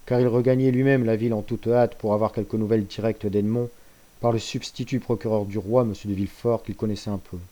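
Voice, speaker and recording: A man narrating a classic novel as an audiobook reader in a measured, steady way. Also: fairly low pitch.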